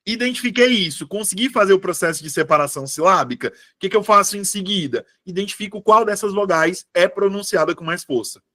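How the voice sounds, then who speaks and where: A young Brazilian man teaching Portuguese in a live online exam-prep class, lively and chatty, calling students by name and "meus amores". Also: high-pitched, no echo, clean studio sound.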